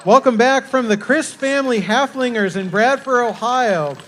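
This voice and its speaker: Very high-voiced man announcing a parade. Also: normal speed, fairly bright tone, a little hiss or hum. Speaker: parade announcer, master of ceremonies. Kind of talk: live event announcing.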